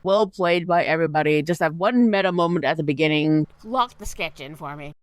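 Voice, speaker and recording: A woman co-hosting a podcast, chatting casually with quick summarizing asides. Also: deep voice, dry recording, low-quality recording. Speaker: podcast co-host. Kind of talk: casual chat.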